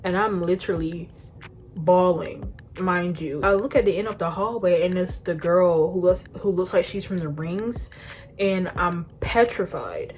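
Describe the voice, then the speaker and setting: A young woman vlogger telling an animated storytime to her phone camera, often laughing at herself. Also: lowish voice. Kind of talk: storytime vlog.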